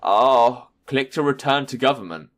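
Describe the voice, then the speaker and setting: A man's voice: mid-range voice, animated, moderate pace. A man giving casual let's-play commentary, rambling, laughing and thinking aloud as he plays. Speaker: gaming video host.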